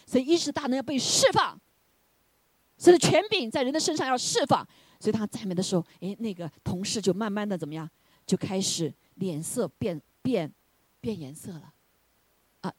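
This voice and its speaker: A woman preaching a sermon, asking the congregation questions and rising to loud exclamations before dropping low again. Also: lively intonation, brisk, breathy edge, no room sound. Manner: swells to loud exclamations of hallelujah, then drops low.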